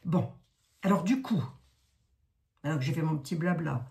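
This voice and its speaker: Woman in her 60s, Lorraine accent, rambling oracle card reading, slightly low voice. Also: moderate pace, creaky, a little mellow. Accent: Lorraine French. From Lorraine, France. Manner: chatty, rambling, many asides and fillers. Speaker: card reader, psychic.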